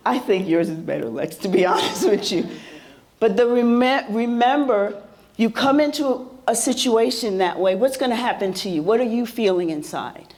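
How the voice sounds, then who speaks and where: A symposium presenter on mental health, she speaks with a fairly high, slightly mellow voice at a moderate pace. Addressing a live workshop audience, she stays soothing and conversational and keeps asking the room questions.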